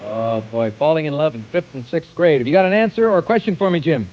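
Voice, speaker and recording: A man hosting a quiz show, reading clues and calling on players in a brisk, teasing manner. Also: fairly high pitch, animated, lo-fi sound. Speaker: game show host.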